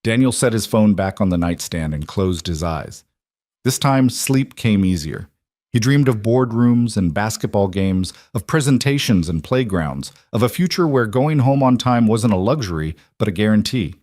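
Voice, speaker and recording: A man narrating a drama story in a measured, even manner. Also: lowish voice, no echo, clean studio sound.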